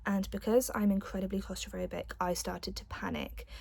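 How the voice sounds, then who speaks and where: A woman's voice: mid-range voice, flat delivery, normal speed, vocal fry, darkish tone, slight background noise. A young adult woman telling a personal story in a casual, chatty vlog style, with the odd light giggle. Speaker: vlogger.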